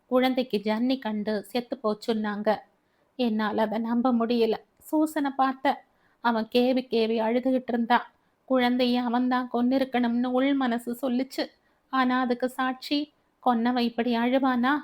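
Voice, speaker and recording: A woman's voice: fairly high pitch, flat delivery, a little slow, darkish tone. A woman with a Tamil accent narrating a family audio novel in first person, earnest and emotional.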